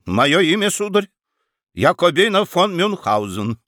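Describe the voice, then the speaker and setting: A haughty baroness, prickly and quick to take offence, as a male reader puts her on. Her lines jump higher than his usual voice and swing about with indignation. The sound is close and dry, with no room around it. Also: big pitch swings, dry recording, exaggerated voice. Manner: huffy and affronted, sharp outbursts. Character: baroness, a middle-aged noblewoman, haughty and indignant. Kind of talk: dramatic reading of a story.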